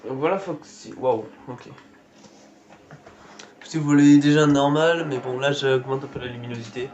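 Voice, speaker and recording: A man comments casually on a game as characters appear, exclaiming at whatever pops up on screen. His voice is medium-pitched and darkish, with fairly even intonation and a moderate pace. The lo-fi recording sounds dull, with a little hiss or hum and faint game music underneath.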